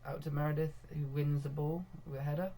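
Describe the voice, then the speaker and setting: A young man commentating live on his own football management game, getting excitable when goals come and laughing at himself. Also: a little high, brisk. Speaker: gaming video host.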